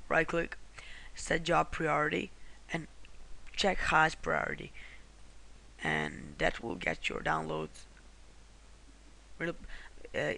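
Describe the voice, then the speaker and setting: A man's voice: fairly high pitch, vocal fry, pushed and bright. A man from Croatia, talking through a screen-recorded how-to walkthrough in a rambling way, often correcting himself and apologizing. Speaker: tutorial host.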